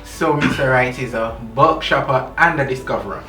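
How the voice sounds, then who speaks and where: A man hosting an interview, asking friendly, upbeat questions and quick follow-ups. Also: mid-range voice, bright, forceful tone. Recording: echoey room, distant mic, faint music.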